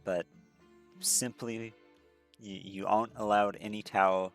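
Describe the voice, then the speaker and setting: A man's voice: on the low side, flat delivery, slow pace, faint music behind. A man casually commenting on his own gameplay, rambling and correcting himself with lots of fillers. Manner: rambling, self-correcting, frequent fillers and restarts. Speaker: let's-play commentator.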